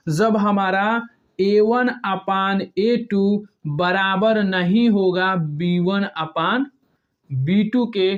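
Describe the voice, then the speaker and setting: A math teacher working step by step through a problem, asking questions and answering them himself, with long pauses between words. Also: medium pitch. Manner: asks and answers own questions. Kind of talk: step-by-step whiteboard lesson. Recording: dull lo-fi recording.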